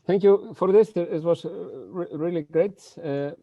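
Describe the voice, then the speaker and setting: Man, English, halting questions, higher voice, dry dull audio. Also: no room sound. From Iceland. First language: Icelandic. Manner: halting, many restarts. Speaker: audience member asking a question. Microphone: video call.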